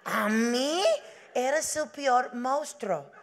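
A woman voicing a female school psychologist who lectures slowly and softly. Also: a little high, animated, background noise, heavily acted. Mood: lecturing. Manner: slow, measured, soft-spoken, preachy.

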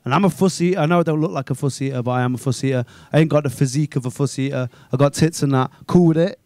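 A man in his thirties does stand-up live in a small comedy club on a handheld mic. His high voice is animated as he rants in a crude, incredulous manner.

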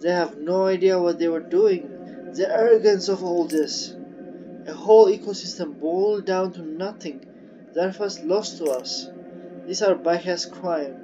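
A man reading aloud the lines of a woman scientist exploring an alien ocean, slow and earnest, with halting restarts. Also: high-pitched. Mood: somber. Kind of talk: reading game dialogue aloud. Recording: dull lo-fi audio with game music.

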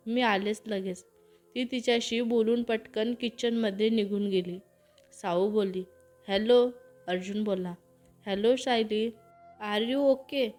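A fairly high-voiced woman tells a romantic story, carrying the dialogue of every character herself. She gives the lines feeling without changing voices, and faint music plays under her narration.

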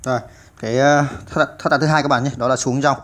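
Guy doing a computer tutorial, talks quick, lots of uh fillers, middle pitch. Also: fairly even intonation, fairly bright tone, slight background noise. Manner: many "à" fillers, patient explaining. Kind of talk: step-by-step screen-recorded tutorial.

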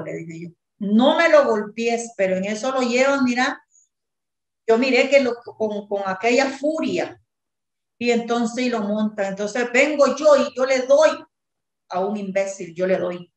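A woman in her fifties giving an agitated, indignant eyewitness account in an interview, acting out the shouted exchanges. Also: mid-range voice, reverberant. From Nicaragua. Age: 50s. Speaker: interviewee, mother of detained student. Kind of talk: emotional eyewitness testimony.

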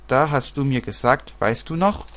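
A man reading the lines of a touchy little girl who shouts and quarrels. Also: mid-range voice, lively intonation, normal speed, natural voice. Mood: indignant. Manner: indignant, loud.

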